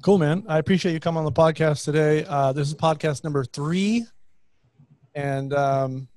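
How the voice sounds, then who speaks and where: A male podcast host with a fairly high, slightly mellow voice runs a casual interview at a moderate pace. He's chatty and rambling, circling his questions with lots of fillers and restarts.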